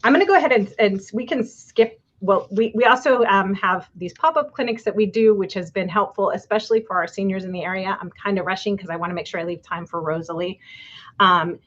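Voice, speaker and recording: A woman's voice: medium pitch, fairly quick. A woman gives a webinar presentation over a video call, her audio slightly muffled. She talks in a hesitant way, with many ums along the way. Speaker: health services presenter.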